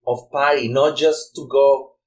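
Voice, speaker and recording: A man from Mexico speaks English as a second language, his Mexican Spanish accent plain. He chats casually as a podcast guest and circles back over his words as he hunts for them. His voice sits at an ordinary middle pitch. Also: level tone, unhurried. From Guadalajara, Mexico. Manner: rambling, repeats words while searching. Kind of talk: casual chat.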